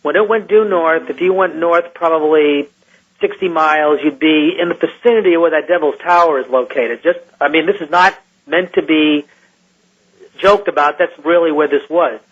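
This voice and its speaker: A man who is a scientist recounts an encounter in a radio interview, halting and restarting often as he talks. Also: fairly high pitch. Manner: halting, with many restarts and fillers. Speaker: guest scientist. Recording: muffled lo-fi radio line.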